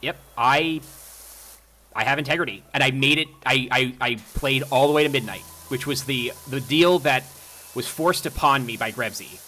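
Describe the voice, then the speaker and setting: A man's voice: mid-range voice, normal speed, pushed and bright, rough recording. A young man streamer telling wry stories in casual chat, with frequent ums and restarts.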